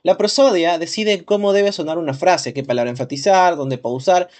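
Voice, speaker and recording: A man's voice: a little high, moderate pace, a little mellow. Man reading lesson slides aloud. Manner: reads slide text, then adds loose asides. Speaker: instructor.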